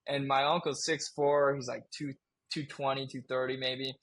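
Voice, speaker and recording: Gravelly man telling a candid story. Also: mid-range voice, flat delivery, normal speed, a bit bright. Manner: candid, swears freely, frequent restarts. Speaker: podcast guest. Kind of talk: casual storytelling chat.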